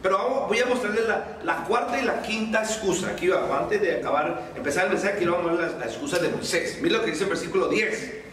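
A man's voice: high-pitched, fast talker, a bit bright, a little hiss or hum. A man preaching a sermon to a congregation. He acts out the lines he quotes and keeps quizzing his listeners. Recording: echoey hall, voice far from mic.

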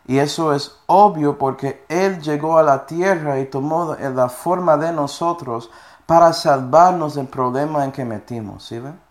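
This sermon comes from a man with a fairly high, unhurried voice. He reads scripture aloud between stretches of explanation and regularly checks in with his audience using short questions.

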